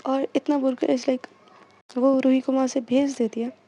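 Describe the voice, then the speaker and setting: A woman storyteller narrating an audio love story in a casual, chatty way, filling pauses with frequent fillers. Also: sits high, level tone, dark tone. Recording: muffled lo-fi recording.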